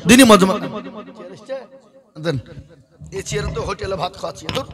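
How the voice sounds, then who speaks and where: High voiced preacher guy, singsong sermon, keeps asking the crowd stuff. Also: lively intonation, moderate pace. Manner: rhetorical questions to the crowd, listing in rhythmic runs; half-sung cadence, swings from loud to soft. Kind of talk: sermon at an open-air religious gathering.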